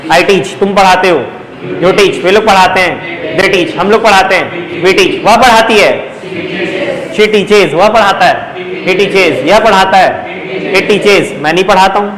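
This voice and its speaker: A man's voice: high-pitched, fairly bright tone. A young male teacher with a Chhattisgarhi Hindi accent, coaching a live class by drilling sentence patterns and coaxing his students along in a chatty way. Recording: echoey classroom, faint background noise.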